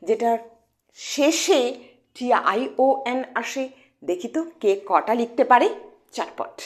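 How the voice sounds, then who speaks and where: A woman teaching English pronunciation to students, speaking Bengali as her first language. She asks questions and then answers them herself, in a coaxing way. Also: fairly high pitch. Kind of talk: online lesson, explaining to students.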